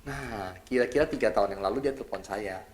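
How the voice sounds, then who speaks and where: A middle-aged male pastor from Indonesia preaching in a casual, conversational style, lively and chatty, often tagging his phrases with a quick "ya". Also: fairly low pitch.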